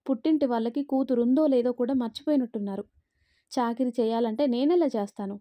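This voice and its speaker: A woman voicing a bitter, sharp-tongued middle-aged mother-in-law who scolds and taunts in a raised voice. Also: fairly high pitch, fast talker, natural voice. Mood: scornful.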